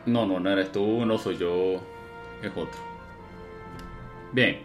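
Low-voiced man cutting in. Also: fairly even intonation, slow, faint music behind. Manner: prodding, interrupts to steer. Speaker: podcast co-host. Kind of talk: casual chat.

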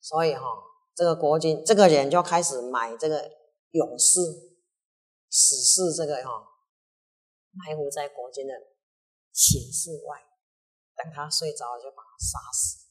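A woman with a Taiwanese Mandarin accent giving a storytelling lesson on ancient history, chatty and full of drawn-out particles. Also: low-pitched, breathy edge.

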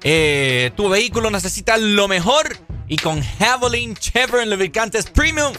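A man's voice: high-pitched, expressive, unhurried, sharp tone, soft background music. A man co-hosting a morning radio show, chatting casually and joking with his co-host. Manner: playful, joking banter.

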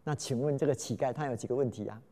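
A man's voice: medium pitch, racing. A man telling a folk tale, exclaiming often and quizzing his listeners. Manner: animated, exclamatory, asks listeners questions. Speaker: storyteller.

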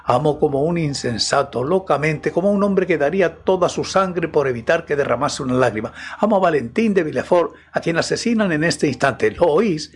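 Male narrator doing a desperate young lover; high, loud, pleading. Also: animated, moderate pace, few pauses, natural voice. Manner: pleading, cries out.

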